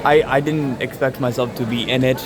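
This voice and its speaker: A young man from Lexington, chatting earnestly and haltingly in a casual interview. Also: mid-range voice, fairly even intonation. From Lexington, Kentucky. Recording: loud crowd chatter in busy venue. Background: loud crowd in a public space.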